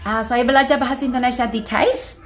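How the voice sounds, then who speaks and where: A woman's voice: fairly high pitch, fairly even intonation, fairly quick. A woman, an English speaker, speaks Indonesian as a foreigner and mixes in English while giving casual answers as a language teacher.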